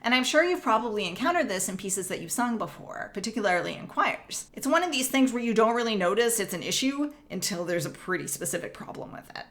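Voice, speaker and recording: Woman with a Canadian accent, music lecturer, steady explanatory delivery, spells out syllables slowly. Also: fairly high pitch. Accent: Canadian English. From Northern Ontario, Canada. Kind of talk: recorded online lecture.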